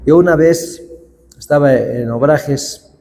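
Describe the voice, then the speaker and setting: A male pastor preaching a sermon, reading scripture slowly and deliberately. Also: on the high side, gravelly, dark tone, a little hiss or hum. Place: church hall. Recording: long hall reverb.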